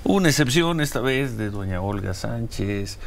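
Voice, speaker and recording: A man's voice: medium pitch, lively intonation, normal speed, vocal fry, a little hiss or hum. An older man with a Mexican Spanish accent hosting a political interview in a TV studio, asking pointed, rhetorical questions. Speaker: host.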